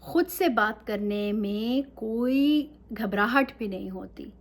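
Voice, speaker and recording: A woman's voice: on the high side, lively intonation, slow pace. A woman teaching English in a casual talk, mixing Urdu and English and often checking in with her listeners.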